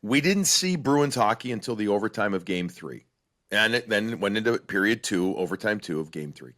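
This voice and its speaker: Man, sports podcast co-host, lowish voice, lively casual delivery. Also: moderate pace.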